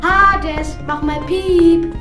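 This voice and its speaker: A woman plays a young boy hero in a children's audio drama. The voice is high, direct and childlike, with faint music underneath. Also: steady tone, extremely slow, fairly bright tone, full character voice. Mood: eager. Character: plucky, observant young boy adventurer.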